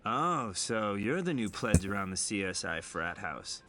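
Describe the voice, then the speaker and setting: An actor playing a cocky, friendly young American lab technician, breezy and wisecracking, in scripted video game dialogue. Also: male voice, fairly low pitch, sing-song, a little slow, a bit bright, a little hiss or hum. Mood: breezy, welcoming. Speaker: crime lab technician character.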